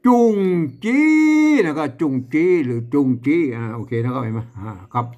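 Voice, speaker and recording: A man teaching Lanna language, who chants verse lines high and loud, then explains them softly with small laughs. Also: expressive, a little fast, dull audio. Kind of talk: reading and explaining a verse text.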